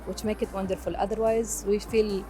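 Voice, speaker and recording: Mellow woman attendee. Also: medium pitch, level tone, a little fast. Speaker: conference attendee. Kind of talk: vox pop interview. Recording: faint music underneath.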